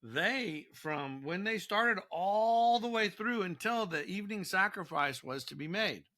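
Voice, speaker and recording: Forceful, bright-voiced male Bible teacher. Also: sits high, unhurried. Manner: animated, repeats and restarts words. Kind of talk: devotional scripture teaching.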